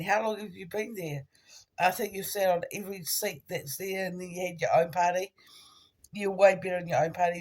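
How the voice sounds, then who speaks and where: A woman, trying out informal stand-up comedy in a halting, giggly, conversational way. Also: on the low side, darkish tone. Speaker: amateur comedian. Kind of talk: informal stand-up attempt for social media, casual rambling.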